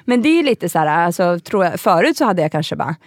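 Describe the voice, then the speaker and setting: A young woman in casual conversation, spinning an anecdote with animated swings of voice as she mimics others. The sound is close and dry, with no room around it. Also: on the low side, no room sound. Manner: animated storyteller, acts out quoted people. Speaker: podcast co-host. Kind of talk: casual chat.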